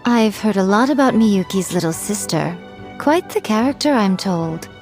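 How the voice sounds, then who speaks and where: A woman voicing a sly, elegant fox-spirit shrine maiden in a video game, speaking in deliberate phrases with a coy, haughty, playfully condescending manner. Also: mid-range voice, expressive, darkish tone, lightly acted. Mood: musing. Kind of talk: scripted video game character voice-over. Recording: music behind the voice. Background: background music.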